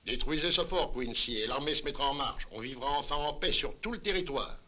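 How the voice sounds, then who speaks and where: A man's voice: mid-range voice, expressive, fairly quick, pushed and bright. A man playing an ambitious, authoritative general in a dubbed adventure film, firm and formal in delivery.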